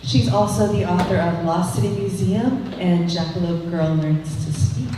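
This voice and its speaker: A woman's voice: lowish voice, normal speed, background noise. A woman giving a heartfelt live introduction of the moderator. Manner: heartfelt, a bit emotional. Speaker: event host introducing moderator. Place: large echoey hall. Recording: echoey hall, distant.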